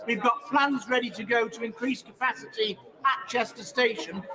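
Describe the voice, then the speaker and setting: High man over parliamentary crowd. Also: normal speed. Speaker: member of parliament asking a question. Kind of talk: parliament speech. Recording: clear chamber crowd behind.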